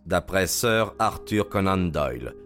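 Smooth-voiced male narrator. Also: low-pitched, lively intonation, slow pace, fairly bright tone, faint music behind. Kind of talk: scripted narration.

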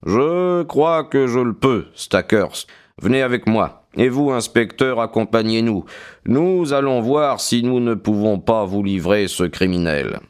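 A man reading an audiobook, voicing a sharp, guarded male detective with a brisk, reserved manner. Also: mid-range voice, expressive, clear, resonant tone, lightly acted.

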